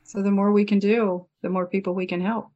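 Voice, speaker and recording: A woman's voice: mid-range voice, level tone, brisk, warm tone, muffled recording. A woman speaking as an interview guest in a conversational way, earnest and enthusiastic. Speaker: guest, charity foundation representative.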